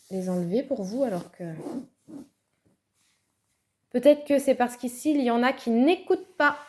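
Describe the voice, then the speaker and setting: A fairly high-voiced woman chats her way through a tarot card reading. She thinks aloud as she goes, with fillers and small laughs, in a relaxed, casual way. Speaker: tarot reader.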